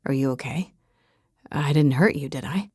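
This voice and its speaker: A woman voicing a charming, smitten young man in a romance audiobook, with a lowered, soft voice. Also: normal speed, breathy edge, dry recording, studio quality. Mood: soft teasing.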